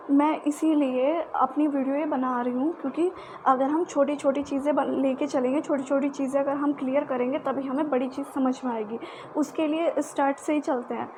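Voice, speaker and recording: Woman teacher explaining slowly, high voice, lots of okays and fillers, bit of faint noise behind. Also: darkish tone. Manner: repeats key terms and often adds an okay; slow, halting delivery with fillers and restarts. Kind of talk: explanatory lesson for students.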